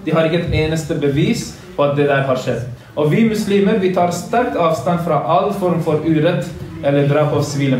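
A man's voice: on the high side, a little mellow, a little hiss or hum. A man teaching a religious lesson to boys in a mosque, earnest and preachy, repeating points for emphasis. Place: large carpeted mosque room. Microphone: phone livestream from across the room. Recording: echoey room, speaker far from phone.

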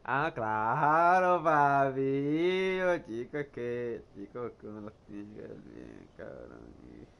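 A man's voice: on the low side, very animated, measured pace, gravelly, few pauses, a little mellow. Young Puerto Rican guy, crude and laughing, constant swearing, casual chat, faint hiss behind. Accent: Puerto Rican Spanish. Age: young adult.

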